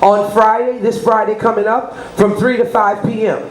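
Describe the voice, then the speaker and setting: A mid-range voice with fairly even intonation and a moderate pace belongs to this middle-aged woman. She's a radio personality giving a promotional interview, emphatic and boastful, with frequent rhetorical check-ins to make sure the listener follows. The recording has roomy echo and clear background noise.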